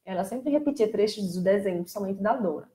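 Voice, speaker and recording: On a live stream, a Brazilian woman who does speech therapy with children chats casually and explains things in plain terms, becoming animated whenever she imitates kids. Her voice sits at a medium pitch, she talks fast, and her accent is Brazilian Portuguese.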